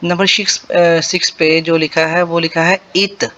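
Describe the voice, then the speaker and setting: A man with a Punjabi-accented Urdu voice, patiently teaching Korean pronunciation to beginners and repeating sounds slowly syllable by syllable. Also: on the high side, little pitch movement, pushed and bright. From Pakistan.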